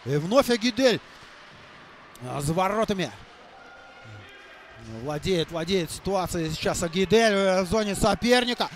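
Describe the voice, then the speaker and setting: A man doing live hockey play-by-play, halting and repeating phrases for emphasis. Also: high voice, expressive. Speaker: hockey commentator. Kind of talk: live play-by-play sports commentary.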